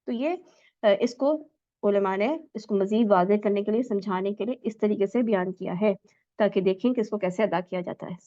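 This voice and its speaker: A woman's voice: medium pitch, warm tone, no echo, highs cut off. A woman teaching Quran recitation in an online class, asking her students questions, praising their answers and sounding out letters for them. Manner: demonstrates letter sounds aloud.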